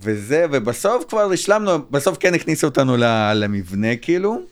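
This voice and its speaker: A man who is a guest on a fan podcast, telling a lively, rambling anecdote in casual chat, full of restarts. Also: mid-range voice.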